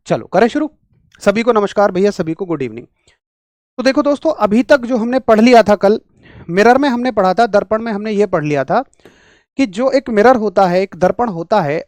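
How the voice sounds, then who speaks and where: A high-voiced man with a rural Hindi accent teaches an energetic, conversational physics class online, addressing his students directly despite a sore throat. The sound is studio quality, with no echo.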